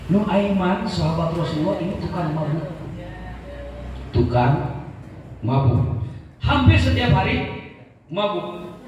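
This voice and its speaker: A man with a Sundanese accent preaching a sermon at a religious gathering, telling stories with emphatic repetition. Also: on the high side. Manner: animated storytelling with emphatic repetition. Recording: echoey hall from far off.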